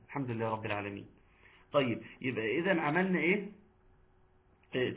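A man with an Egyptian accent teaching Quran recitation in an online lesson, chatting with the class, quizzing them and chanting verses slowly. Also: medium pitch. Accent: Egyptian Arabic. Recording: tinny phone-like line.

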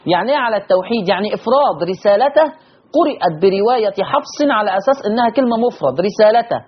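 Egyptian accent, husky voice, mid pitch, teaching tone, quick explanations, slow drawn-out recitation, muffled recording. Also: lively intonation. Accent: Egyptian Arabic. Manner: explains quickly, then draws out recited words slowly. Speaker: Quran readings teacher. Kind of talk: explanatory lesson.

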